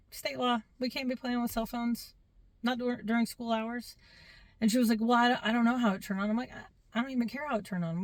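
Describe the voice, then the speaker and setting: Middle-aged woman, casual storyteller, animated, mid pitch, dry close sound. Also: dry recording. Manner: animated, quotes herself and kids in lively voices. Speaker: substitute teacher.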